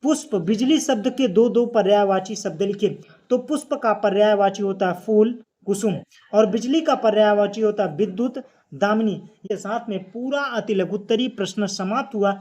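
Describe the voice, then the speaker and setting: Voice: medium pitch, normal speed, a little mellow. Teacher quizzing and answering self. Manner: explains step by step, asking and answering its own questions; repeats key phrases for emphasis. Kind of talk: exam-prep lesson video.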